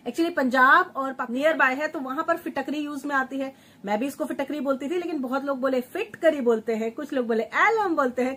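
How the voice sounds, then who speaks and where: Female beauty-tips vlogger, high voice, repeats words for emphasis, chats warmly like a sister. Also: a little hiss or hum. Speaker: home remedy vlogger, channel host. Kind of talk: chatty beauty tips vlog. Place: at home, grinding and sieving while she talks.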